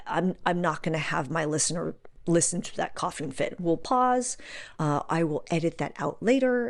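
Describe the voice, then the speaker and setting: Her fairly low-pitched voice carries a solo podcast where she shares advice casually. She repeats words to stress her points and throws in rhetorical questions.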